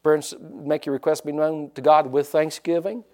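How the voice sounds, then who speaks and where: Animated folksy man preaching a sermon. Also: a little high, moderate pace. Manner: folksy, animated, acts out quotes, repeats "you know". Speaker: pastor.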